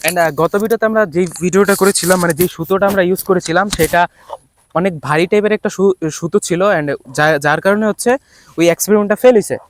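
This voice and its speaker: Fast-talking young man vlogging outdoors. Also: sits high, a little hiss or hum. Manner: talkative, fillers and restarts, shouts to a distant teammate. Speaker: YouTube vlogger. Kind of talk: casual outdoor vlog. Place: outdoors in open ground.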